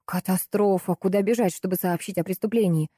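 Mellow woman narrating an audiobook. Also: medium pitch, fairly quick, husky, no room sound, clean studio sound. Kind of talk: first-person audiobook narration.

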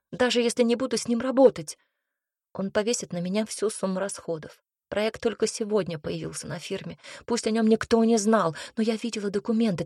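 A woman with a husky voice voicing a tearful, stubborn young woman who pleads and explains herself weakly, in an audiobook. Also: mid-range voice, darkish tone, dry recording, clean studio sound, natural voice. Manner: weak, pleading, troubled.

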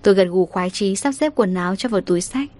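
A woman narrates a first-person story. Her reading is steady and emotive, at a middling pitch. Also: quick pace.

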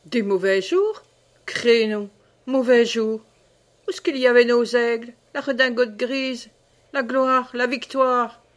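Brief: woman reader as a drunk, blustering old peasant man, hiccuping, slow and a bit low, storybook reading. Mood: boastful.

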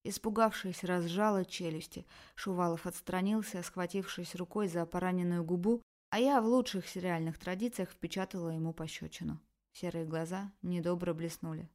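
A woman reading a first-person erotic novel aloud in an expressive, emotional way. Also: lowish voice, normal speed. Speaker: audiobook narrator.

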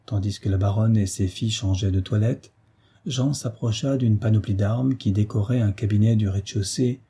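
Husky, dark-voiced male narrator. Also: fairly low pitch. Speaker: audiobook narrator. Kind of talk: scripted narration.

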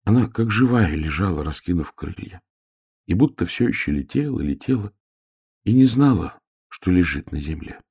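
A man reading a children's story aloud in an unhurried, softly expressive way. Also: low-pitched, breathy edge. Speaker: narrator. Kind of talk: scripted storybook narration.

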